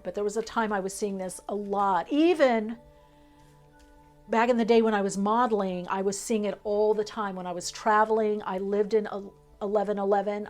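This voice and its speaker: A woman's voice: medium pitch, a little mellow. A woman giving a tarot reading for viewers, her voice sitting in an ordinary middle register. She talks in a flowing, spiritual way, running through long lists with small fillers. Light music plays faintly under her. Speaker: tarot reader.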